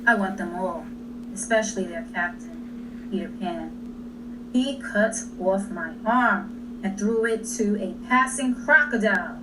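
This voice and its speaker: A woman voicing a menacing, vengeful male pirate captain with a dark, scheming manner, as in a storybook. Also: medium pitch, a little slow, close to an everyday voice. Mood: cold, vengeful. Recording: distant mic, clearly noisy.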